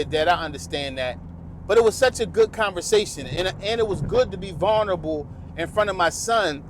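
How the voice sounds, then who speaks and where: A middle-aged man gives a podcast talk to other men. His voice sits high for a man, and he speaks in a casual, preachy way, dropping "man" and "bro" as he goes. A faint hiss of noise runs under him. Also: fairly bright tone. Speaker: podcast host. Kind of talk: motivational monologue to men.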